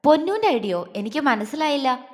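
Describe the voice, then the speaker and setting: A woman voicing a warm young man who speaks softly and fondly. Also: high-pitched, sing-song, brisk. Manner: soft, fond. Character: warm young man, fond elder brother. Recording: long hall reverb.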